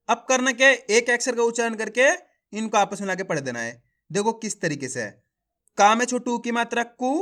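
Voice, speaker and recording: A man's voice: very high-pitched, sharp tone. A man teaching a beginner reading lesson, calling viewers his friends and drilling syllables over and over.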